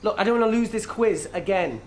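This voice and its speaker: An actor playing a smug, falsely modest aid worker who humblebrags pompously in a comedy game. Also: male voice, high-pitched, expressive, fairly quick, darkish tone. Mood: self-important, evasive. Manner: pompous, humblebragging, hesitant when bluffing. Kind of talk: acted comedy game dialogue. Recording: faint background noise on video call.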